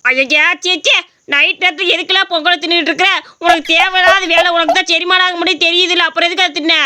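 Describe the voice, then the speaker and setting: A woman's voice: extremely high pitch, steady tone, fast, sharp tone. A woman voicing a grumpy older brother in a cartoon story, scolding in rural speech.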